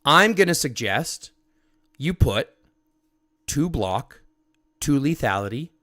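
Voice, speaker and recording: A man's voice: mid-range voice, big pitch swings, slow pace, pushed and bright, dry recording, clean studio sound. A man hosting a livestream, coaching a player on game stats in an emphatic, profane, step-by-step way. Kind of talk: casual livestream chat.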